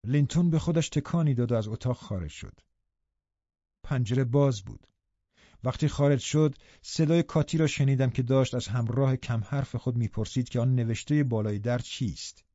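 A man narrating a novel as an audiobook in a steady storytelling read. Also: medium pitch, no room sound, lo-fi sound. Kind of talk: scripted narration.

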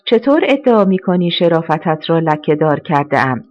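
A reader voicing a cold, threatening male crime boss who makes slow, intimidating threats, in a slightly dull recording. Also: mid-range voice, very animated, a little mellow, natural voice. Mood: menacing.

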